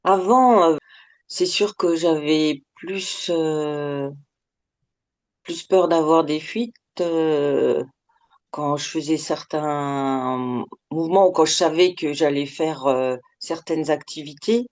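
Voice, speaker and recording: A middle-aged woman giving candid, hesitant interview answers, her voice digitally shifted deeper to keep her anonymous. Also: slow pace, darkish tone. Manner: hesitant, with frequent trailing filler words.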